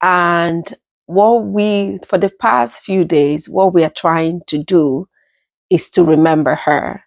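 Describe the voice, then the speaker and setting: A young woman vlogger, telling a family story in a casual, animated way, acting out the people she quotes. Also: on the low side, takes it slowly, vocal fry, no echo. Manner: animated retelling with quoted voices and laughs.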